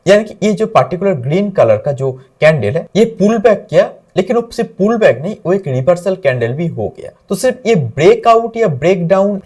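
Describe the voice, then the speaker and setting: Husky man teaching chart trading. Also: high-pitched, darkish tone. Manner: mixes English trading terms into Hindi, points at the chart. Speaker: trading instructor. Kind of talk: explaining chart examples.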